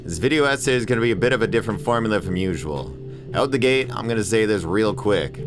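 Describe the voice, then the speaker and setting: Speaking fast with lively intonation in a voice on the low side, a channel host in his thirties narrates a casual video essay. He's opinionated and irreverent, full of slang and swearing, and music plays behind his voice.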